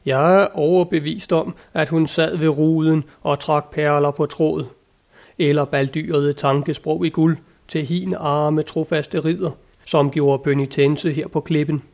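An eager, lofty old knight from a storybook, full of high-flown devotion, as a male narrator reads him, in a fairly high voice. His speech is grand and old-fashioned, urging and exclaiming. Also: steady tone, gravelly, a little mellow. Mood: ardent. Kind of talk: audiobook character reading.

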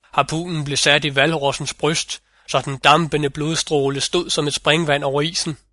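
Bright-voiced male fairy-tale narrator. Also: fairly high pitch, flat delivery, dry recording, studio quality. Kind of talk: audiobook fairy-tale reading.

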